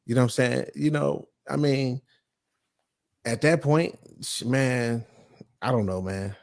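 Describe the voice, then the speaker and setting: Male co-host, gravelly voice, laid-back, slangy casual chat. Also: medium pitch, measured pace, darkish tone.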